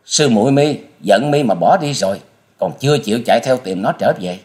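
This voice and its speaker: A man's voice: deep voice, big pitch swings, moderate pace. A man voicing a middle-aged female sect master who sighs, pleads and turns stern with her daughter. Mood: angry.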